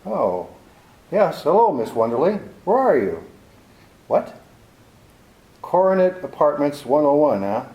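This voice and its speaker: A man's voice: on the high side, sing-song, unhurried, long pauses, lo-fi sound. A man playing a cynical, tough private detective with a wry, clipped, world-weary delivery, in 1940s radio drama style, in a roomy recording.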